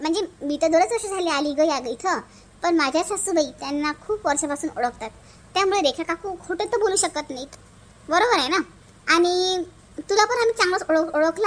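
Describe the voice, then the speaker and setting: In a cartoon family drama, a woman voices a righteous, outspoken young neighbour with an extremely high pitch. Accusing in mood, she moralizes and reproaches emphatically.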